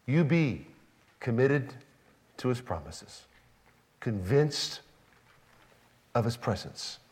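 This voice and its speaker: Taking his time, this male pastor preaches with shifts from gentle, low-key stress to raised, fervent lines, occasionally speaking as a biblical character in first person.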